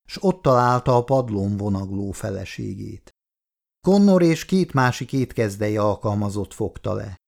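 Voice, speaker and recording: A man reading an audiobook in a calm, measured way. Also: fairly low pitch, creaky. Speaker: audiobook narrator. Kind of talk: scripted audiobook narration.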